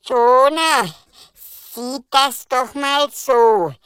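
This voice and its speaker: A man's voice: a bit bright, clear, resonant tone, no room sound, full character voice. A man voicing a cheeky male alien who speaks through a translator, drawling and teasing. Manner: slow, high, teasing.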